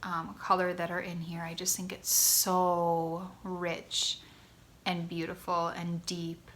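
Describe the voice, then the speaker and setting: A woman's voice: lowish voice, completely flat delivery, moderate pace, a bit bright. A woman hosting a knitting vlog from a guest bedroom at home, chatting casually and gushing, a little congested. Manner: enthusiastic, gushing, frequent ums. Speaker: knitting podcast host.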